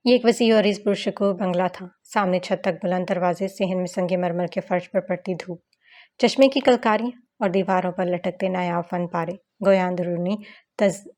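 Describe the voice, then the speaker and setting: A woman's voice: fairly low pitch, darkish tone. Woman narrating a romance novel. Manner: flowing, dramatic, with occasional stumbles.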